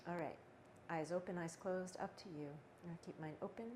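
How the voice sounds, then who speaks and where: A woman teaching a breathing exercise in a gentle, unhurried, conversational way, with pauses. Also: fairly low pitch, fairly even intonation. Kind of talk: guided breathing instruction, casual and conversational. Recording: clearly noisy background ambience.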